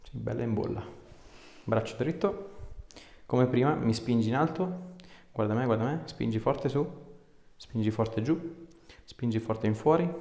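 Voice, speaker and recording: A man with a medium-pitched, darkish voice works as a chiropractor, giving a patient casual, reassuring instructions in short phrases. He's in a small indoor treatment room, recorded by a camera a short distance away, with echo and background noise.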